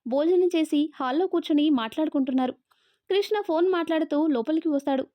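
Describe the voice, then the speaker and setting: A woman narrating a scripted story in a steady, even way. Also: high voice, fast talker, dry recording. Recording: dull, dry lo-fi audio.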